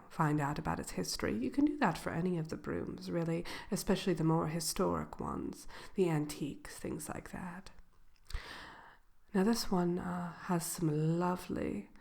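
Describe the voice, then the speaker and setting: A woman playing a sly, genteel wicked witch shopkeeper in a soft, partly whispered ASMR roleplay, speaking with hesitant formality. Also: on the low side, vocal fry. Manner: slow, hesitant drawl with genteel, formal wording. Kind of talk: ASMR roleplay, soft-spoken to one listener.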